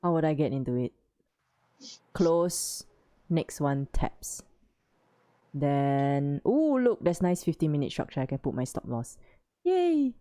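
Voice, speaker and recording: A woman hosting a casual trading livestream, excitable and giggly as she cheers on her trades. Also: a bass voice, unhurried, long pauses. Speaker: livestream host.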